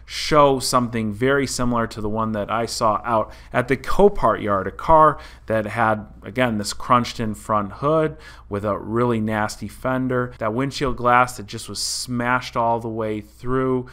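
Bright-voiced man chatting on a car vlog. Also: mid-range voice, measured pace. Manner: chatty, explanatory, addresses viewers directly. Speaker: car channel host. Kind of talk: casual vlog commentary. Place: indoor room by a window. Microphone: desk mic in front.

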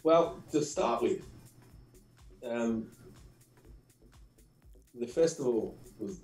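A middle-aged man from England, a radio show guest telling lively anecdotes with laughs and repeated phrases. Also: mid-range voice, very slow, echoey room, soft background music, rough recording. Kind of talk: casual interview storytelling.

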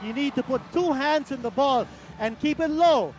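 A man giving measured basketball analysis during a live game broadcast. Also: very high-pitched, expressive, slight background noise. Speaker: color analyst. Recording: archival broadcast over loud arena crowd. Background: arena crowd.

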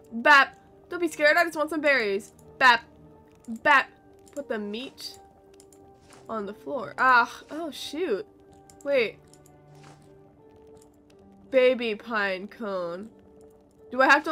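A young woman streamer playing a game, chatty and playful, reacting out loud. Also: high voice. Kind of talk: let's-play commentary.

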